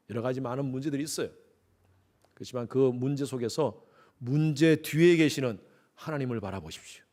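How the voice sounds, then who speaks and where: A middle-aged man preaching a sermon in a Gyeongsang accent, emphatic and rising to loud exhortation. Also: medium pitch. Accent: Gyeongsang Korean. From Gyeongsang, South Korea. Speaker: pastor.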